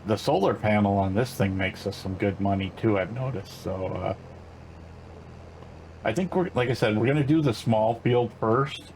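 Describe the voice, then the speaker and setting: A man's voice: lowish voice, a little mellow, slight background noise, rough recording. An older man casually commenting while playing a farming game, rambling along with lots of fillers and restarts. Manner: rambling, laid-back, many fillers and self-corrections. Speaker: gaming channel host.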